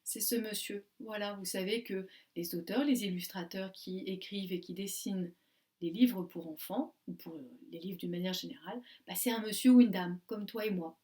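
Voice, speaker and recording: A woman giving a recorded lesson to young children, coaxing and sing-song, spelling letters out slowly. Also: medium pitch, warm tone. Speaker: kindergarten teacher. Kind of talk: remote class video lesson for young children.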